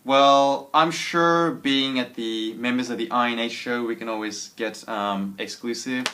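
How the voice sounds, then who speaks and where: A man's voice: mid-range voice, fairly even intonation, unhurried, bright, forceful tone. Guy rambling on a geek podcast, lots of ums and uhs. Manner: rambling, hesitant, many fillers. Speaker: co-host. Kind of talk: casual chat about a TV trailer.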